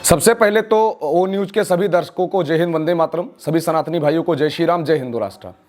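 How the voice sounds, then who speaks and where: A man's voice: fairly high pitch, a little fast, a little mellow. A man with an Awadhi Hindi accent, a nationalist speaker answering interview questions in a fiery, declamatory way full of rhetorical questions.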